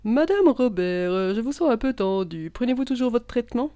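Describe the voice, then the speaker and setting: A woman's voice: fairly high pitch, expressive, moderate pace, mellow, no echo, voice pushed up, lightly acted. A woman voicing a skeptical male psychiatrist who questions his patient curtly and insistently. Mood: stern.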